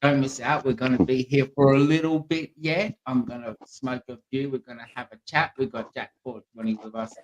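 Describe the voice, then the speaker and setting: A man's voice: mid-range voice, fairly even intonation, fairly quick, few pauses, highs cut off. A man hosting a livestream in a casual, chatty style. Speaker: livestream channel host. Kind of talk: casual chat. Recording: faint background noise on livestream.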